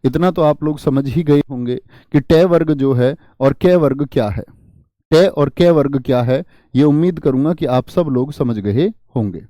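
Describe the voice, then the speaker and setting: Male teacher, mellow slightly high voice, dry close sound; quizzes the class, repeats answers, uses mnemonics. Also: a little slow, dry recording. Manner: uses memory tricks and jokes. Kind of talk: classroom lesson.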